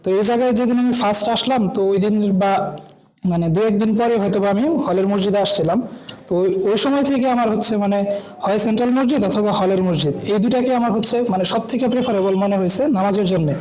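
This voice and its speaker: A man's voice: high voice, quick pace, a little mellow, low-quality recording. A young man from Bangladesh, a new university student, introducing himself at a student gathering and filling nearly every phrase with "I mean". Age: young adult. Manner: rambling, constant "I mean" fillers.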